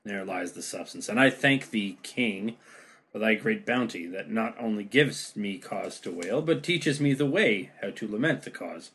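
A man's voice: lowish voice, animated, a little slow, a bit bright, slightly rough, heavily acted. A man reading the part of a grieving, mocking deposed king in an amateur play read-through, declaiming verse with wry sarcasm. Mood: bitter, wry.

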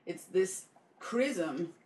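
A woman in a casual literary discussion, explaining points in an animated way. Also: on the low side, very slow, a little hiss or hum. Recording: echoey room.

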